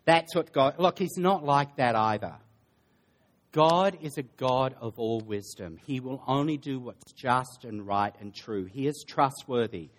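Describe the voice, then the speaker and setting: A man preaching a sermon to a congregation, dropping into sarcastic asides and building to slow, emphatic lists. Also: medium pitch, expressive. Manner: sarcastic asides, drops to quiet then builds. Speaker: pastor. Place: church sanctuary.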